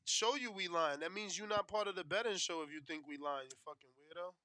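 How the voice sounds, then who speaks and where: High-voiced brash frat-bro man, indignant. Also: brisk, sharp tone, dry recording. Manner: brash frat-bro slang, heavy swearing; indignant, complaining. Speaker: livestream betting show host. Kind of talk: casual livestream chat.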